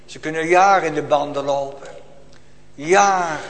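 A man's voice: on the high side, moderate pace, fairly bright tone. A man preaching a solemn, urgent sermon full of rhetorical questions to his congregation. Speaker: pastor. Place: church. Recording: long reverb of a church hall.

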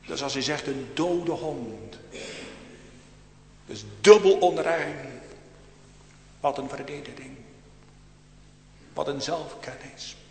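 A man preaching a sermon to his congregation, slow and dramatic, dropping to hushed tones and rising to loud outbursts. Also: medium pitch, a little hiss or hum. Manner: slow, swinging between loud outbursts and hushed near-whispers. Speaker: pastor. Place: church. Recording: echoey church with long reverb.

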